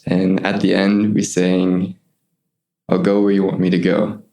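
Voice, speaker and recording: A man's voice: low-pitched, a little slow. A young man, a guest on an interview podcast, earnestly telling a story of his missionary service. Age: young adult. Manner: earnest, animated retelling with quoted voices.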